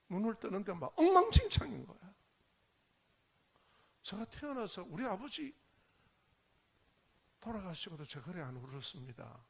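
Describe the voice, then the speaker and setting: A male pastor preaching a sermon as a personal testimony, telling his story dramatically and swinging between hushed whispers and loud bursts. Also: high-pitched, vocal fry, slightly rough.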